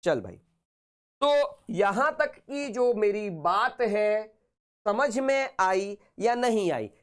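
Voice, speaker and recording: A man with a sore, hoarse throat teaching physics in a casual, chatty live online class. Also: high-pitched. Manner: casual, chatty, talks to students informally.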